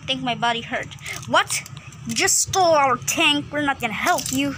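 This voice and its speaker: A woman narrating a homemade animated story and doing every character herself, playful and excitable, often repeating words in bursts. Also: high voice, normal speed, noisy background. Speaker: narrator voicing all characters.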